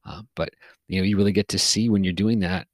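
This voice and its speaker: A man's voice: sits low, fairly even intonation, fast talker, no room sound. A man hosting a podcast alone, talking casually in a loose, rambling way with many fillers and restarts, sounding a little tired. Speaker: podcast host. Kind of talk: casual solo podcast monologue. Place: recorded outdoors near a forest.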